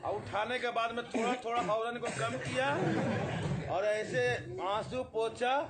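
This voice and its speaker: A man, a teacher telling a story to an audience in a lively, joking way that sometimes rises to a shout. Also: very high-pitched, a little slow, heavy background noise. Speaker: teacher and motivational speaker. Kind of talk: animated storytelling talk.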